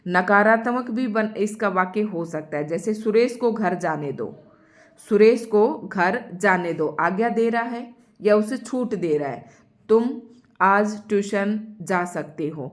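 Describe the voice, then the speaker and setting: A woman teaching a Hindi grammar lesson to her students online. She explains each term step by step and repeats her example sentences slowly, speaking straight to the learners. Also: mid-range voice, animated. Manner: addresses students directly.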